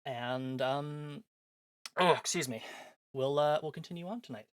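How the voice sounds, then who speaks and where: A male live streamer hosting visual novel previews chats casually, sarcastic and self-deprecating, with some swearing. His voice is a little high, clear and resonant, at a measured pace, heard over background music.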